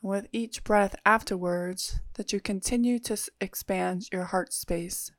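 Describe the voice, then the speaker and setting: A woman guides a meditation in a soothing, unhurried way, leaving long pauses between phrases. Her voice stays level and has a gravelly fry in it. The recording is close and dry. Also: medium pitch, fairly even intonation, no room sound.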